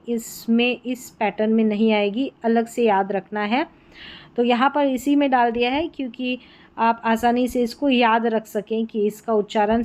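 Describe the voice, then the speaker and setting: A woman's voice: a little high, a little mellow, rough recording. A woman teaching an English spelling lesson, explaining patiently and repeating words so learners catch them. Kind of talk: Hindi-language spelling lesson.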